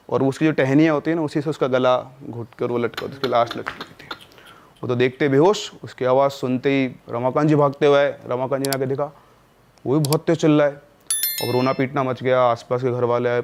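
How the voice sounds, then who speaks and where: Male storyteller, casual spoken horror tale, chatty and unpolished, mid pitch. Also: slight background noise. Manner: conversational, with filler sounds and self-corrections.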